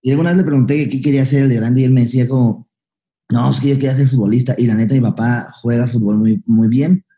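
A young man with a Mexican accent telling his life story as a podcast guest, slangy and lively, acting out old conversations. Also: mid-range voice. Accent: Mexican Spanish. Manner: fast, slangy, acts out past dialogue. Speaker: guest, comedian. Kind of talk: candid storytelling interview.

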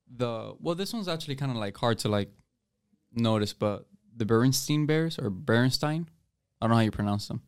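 Casual, rambling student-podcast talk comes from an American teenage boy who keeps restarting and using fillers. His medium-pitched voice is clear and resonant, captured in studio quality without any room sound.

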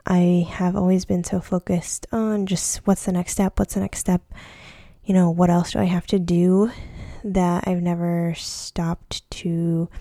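A woman in her twenties, an orthodontic resident, reflecting on her week in a thoughtful personal vlog with many pauses and fillers. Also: lowish voice, gravelly, dark tone, dry recording, clean studio sound. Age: 20s.

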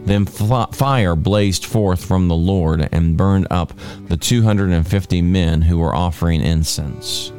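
A man reading scripture aloud for a daily podcast, in a measured, unhurried way. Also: low voice, darkish tone, soft background music. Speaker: scripture reader. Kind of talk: Bible reading.

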